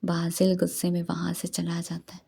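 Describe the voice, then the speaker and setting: Gravelly low-voiced woman narrating a novel. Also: moderate pace. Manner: steady storytelling read. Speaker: audiobook narrator.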